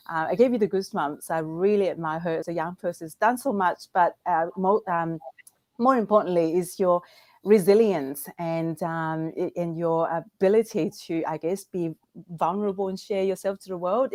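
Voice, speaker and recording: A middle-aged woman hosts a live online Q&A over a video call, her voice sitting a little low. She speaks hesitantly, with frequent fillers and restarts, and the sound is dry and close. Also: steady tone, moderate pace, darkish tone, no room sound. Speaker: brand founder and host.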